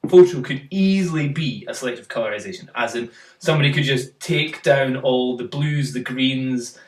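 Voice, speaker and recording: Talking at normal speed in a medium-pitched voice, a host goes over photos casually, throwing questions at his co-host and filling gaps with chatter. The mic is some distance away, so the sound is roomy.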